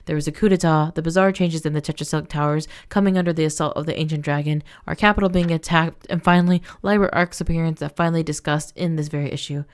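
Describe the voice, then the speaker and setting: A woman's voice: low-pitched, steady tone, quick pace, few pauses. A woman playing a story game who reads its text aloud and breaks off into emotional, gushing reactions. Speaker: let's play streamer.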